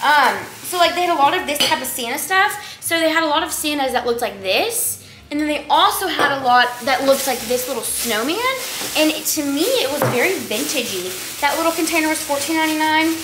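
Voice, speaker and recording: An animated young Texan vlogger with a high, twangy voice briskly chats through a shopping haul, rambling and using lots of "likes" and "ums." The camera is set on her kitchen counter a little way off, and the roomy, echoey space carries clear household noise.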